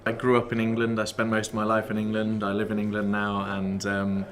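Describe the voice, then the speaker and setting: A man from South Wales, a writer and director, explaining his work in a festival interview in a measured way, pausing often. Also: lowish voice, completely flat delivery. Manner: measured, explanatory, pauses with fillers.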